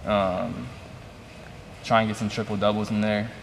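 A young man in his late teens, a high school basketball player, answering interview questions casually and often saying like. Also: little pitch movement, measured pace, vocal fry, in a large hall, slight background noise.

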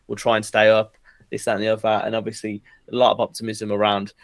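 A man's voice: on the low side, completely flat delivery, fast, no room sound. A man, a guest on a casual podcast, talking in a rambling, hesitant way. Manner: rambling, hesitant, many fillers and restarts. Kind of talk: casual chat.

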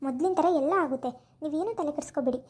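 A woman's voice: high-pitched, very fast, darkish tone, natural voice. A woman playing a caring young wife who scolds and presses a friend to make peace, asking question after question, in an amateur village drama. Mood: earnest.

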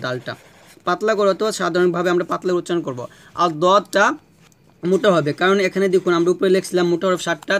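A man's voice: high-pitched, fairly bright tone. A Bangladeshi Bengali-accented man teaching Quran pronunciation, patiently repeating letter sounds and asking rhetorical questions. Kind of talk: classroom lesson.

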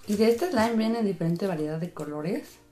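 The host of a slime channel, a woman with a medium-pitched, dark-toned voice at normal speed, narrates a casual craft demonstration. She sounds sing-song, enthusiastic, and welcoming, with music playing in the background.

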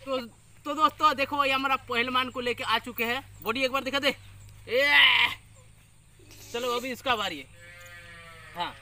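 A man's voice: extremely high pitch, normal speed, pushed and bright. A young man hosting a casual village vlog outdoors, chatting and teasing as he leads children through tongue twisters. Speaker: vlogger.

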